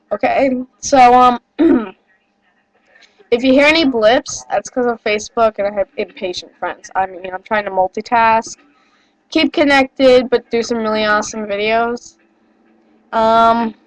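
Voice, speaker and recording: Recovering from a cold and a bit nasal, a teenage vlogger with a slightly high voice chats and rambles at her webcam, apologizing, putting herself down and using many fillers. She's in a small wood-paneled bedroom; the built-in mic yields poor audio with no room sound.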